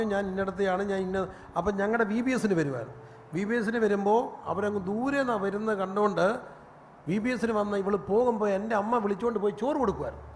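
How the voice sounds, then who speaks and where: Man, pastor, high voice, sermon, chatty storytelling turning fervent, long hall echo. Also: slight background noise. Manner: conversational storytelling that rises into fervent preaching.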